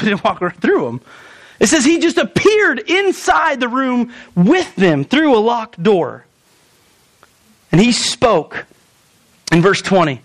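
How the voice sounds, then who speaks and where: A man preaching a sermon as pastor in a church, telling the story with animation and acting out the scenes. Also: high voice.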